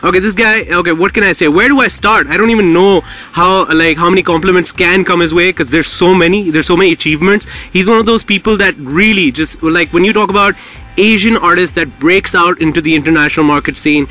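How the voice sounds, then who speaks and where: A man hosts a live radio interview. His voice is fairly high and very bright, and he piles on hype in repetitive, slangy phrases. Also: fast, soft background music. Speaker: radio show host.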